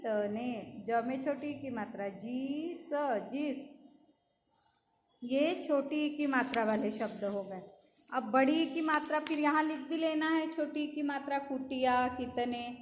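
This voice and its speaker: A woman teaching young children, slowly sounding out syllables and words and asking and answering her own questions. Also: high-pitched, roomy sound, in a large hall, slight background noise. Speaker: primary school teacher. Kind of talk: Hindi lesson for young children.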